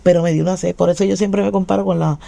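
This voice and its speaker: Puerto Rican woman with a gravelly voice. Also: on the low side, racing, no room sound. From Puerto Rico. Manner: animated storytelling, acting out quoted dialogue. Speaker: guest giving testimony. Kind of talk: casual spoken testimony.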